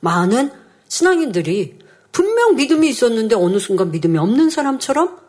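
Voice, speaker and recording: A woman's voice: on the high side, big pitch swings, fairly quick, a little mellow. Woman preaching an earnest sermon. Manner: earnest, rhetorical questions to the congregation; acts out a child's voice in quoted lines. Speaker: pastor.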